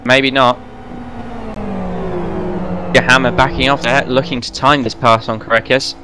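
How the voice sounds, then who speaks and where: A man's voice: mid-range voice, level tone. Man calling a sim race. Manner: fast, running play-by-play with self-corrections. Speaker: race commentator. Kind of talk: live sim-racing play-by-play commentary. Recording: race car engine noise behind voice. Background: racing car engines.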